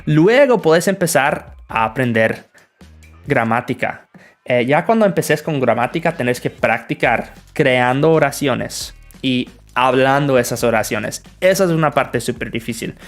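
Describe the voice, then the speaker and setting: Faint music plays behind a young American-accented man from the northern US as he runs a laid-back bilingual Q&A livestream teaching English. He welcomes viewers and gives examples, his pitch medium and his pace measured.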